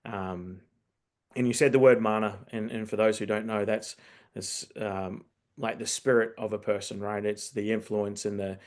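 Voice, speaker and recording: A man raised in New Zealand, working as a host and coach developer, runs a casual interview and thinks aloud while asking long, circling questions. His voice is lowish and darkish, with fairly even intonation at a normal speed. He rambles, thinking out loud and circling back to rephrase.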